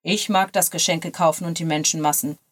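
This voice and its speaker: Woman voicing an easygoing young male lawyer; drop the pitch a little, keep it soft and relaxed. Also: brisk. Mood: teasing. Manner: lower, softer, relaxed murmur.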